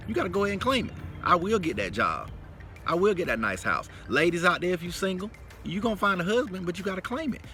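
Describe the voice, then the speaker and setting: A man's voice: fairly high pitch, slight background noise. A man from North Carolina, giving a folksy, emphatic motivational talk to his viewers. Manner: preachy, folksy, animated and emphatic. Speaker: motivational vlogger.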